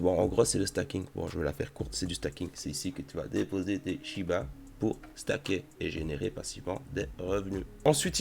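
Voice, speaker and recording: Gravelly, chatty crypto YouTuber. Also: male voice, sits low. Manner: chatty, addresses viewer familiarly. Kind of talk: casual tutorial commentary.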